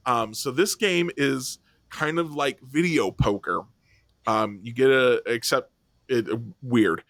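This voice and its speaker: A male podcast co-host talks in a loose, rambling way, full of ums and self-corrections. His voice sits at a medium pitch. The sound is dry and close, with no room echo. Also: takes it slowly, a bit bright. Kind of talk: casual chat.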